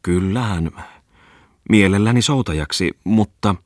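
A man's voice: lowish voice, dry recording, clean studio sound, voice pushed up, close to an everyday voice. A man voicing a timid young male clerk who stammers nervously and pleads. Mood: eager. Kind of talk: audiobook character voice.

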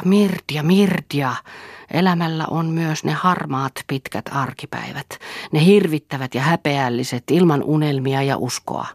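A woman's voice: rumbling low, dry recording, clean studio sound. A woman reading the part of a bitter, weary young man in a literary audiobook, speaking hard and sardonic. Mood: brooding.

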